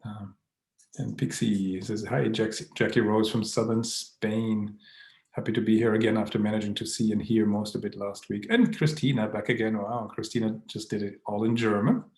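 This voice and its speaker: A man with a low, gravelly voice hosts a relaxed live-stream chat. He reads out viewer comments and greets people by name, chuckling often. The sound carries a noticeable room echo. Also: normal speed. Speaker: host of a live online Q&A.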